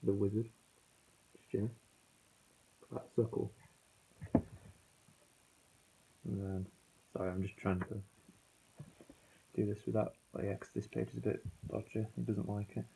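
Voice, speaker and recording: A man's voice: lowish voice, level tone, measured pace, creaky, pauses often, dark tone, husky, soft background music. A British man chatting casually and unscripted as an album reviewer, hesitant and rambling, his voice muffled on a failing phone. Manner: rambling, hesitant, self-correcting. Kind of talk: casual, unscripted vlog chat.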